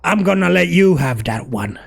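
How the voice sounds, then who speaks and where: A man who streams games and keeps up a teasing, joking chatter. His voice has a gravelly rasp and moves lively up and down. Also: high-pitched, moderate pace. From Finland. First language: Finnish. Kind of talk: casual live game chat.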